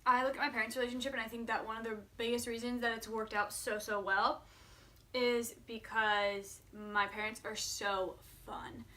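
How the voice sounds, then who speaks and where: A woman's voice: a little high, level tone, moderate pace, bright, forceful tone. A woman of twenty-one talking casually and candidly to viewers, peppering her sentences with "like". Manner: candid, informal, filler-heavy with frequent "like". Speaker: vlogger answering viewer questions. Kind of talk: casual chat to camera.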